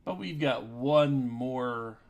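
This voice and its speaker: A man's voice: medium pitch, takes it slowly, soft background music. A man giving casual live commentary as he streams a video game.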